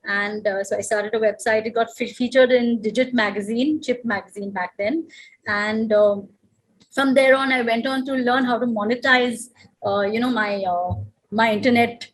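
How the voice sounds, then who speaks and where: A woman's voice: a little high, steady tone, normal speed, low-quality recording. A middle-aged woman from India, talking as a guest on a video call in a chatty way, with many fillers and restarts. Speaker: guest speaker.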